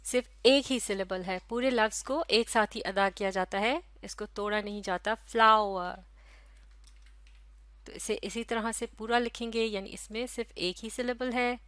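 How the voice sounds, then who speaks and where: A woman teacher with a Pakistani Urdu accent and a fairly high voice talks close to a dry mic. She speaks slowly and carefully, stretching out each syllable for young learners. She asks questions and then answers them herself. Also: fairly even intonation, a bit bright, no echo. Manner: slow, careful, drawn-out syllables for children. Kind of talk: recorded classroom lecture.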